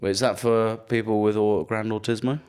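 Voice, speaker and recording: A man's voice: lowish voice, level tone, moderate pace, darkish tone, clean tone. A young man co-hosting a casual podcast chat, rambling and self-deprecating. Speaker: podcast co-host.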